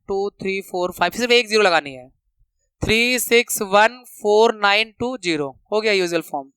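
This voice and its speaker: A man teaching a maths lesson, counting steps out loud and repeating the rules for students to remember, speaking terms. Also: high voice, clean tone, no room sound. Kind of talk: classroom lesson explanation.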